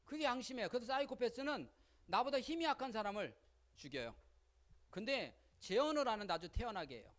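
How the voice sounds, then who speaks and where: A woman giving a lively seminar lecture on parenting, speaking colloquially, often asking the audience questions and acting out little quotes. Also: a little high, a little fast. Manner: colloquial, with frequent rhetorical questions and acted-out quotes.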